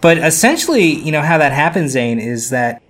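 A man's voice: fairly high pitch, big pitch swings, brisk, fairly bright tone. A man co-hosting a podcast, explaining things step by step in a laid-back, casual way with ums and uhs. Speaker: podcast co-host explaining facts.

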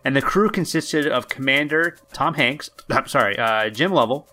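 A man's voice: medium pitch, expressive, normal speed, pushed and bright, soft background music. A man hosting a podcast in a casual storytelling style, hesitant and jokey, often correcting himself. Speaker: podcast host.

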